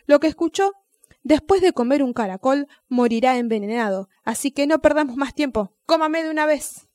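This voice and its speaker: A crafty, patient old male snail, as a woman puts him on in a storybook reading. He coaxes and lectures in a raised, fairly high voice. The sound is dry and close. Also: expressive, normal speed, a little mellow, dry recording. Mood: coaxing.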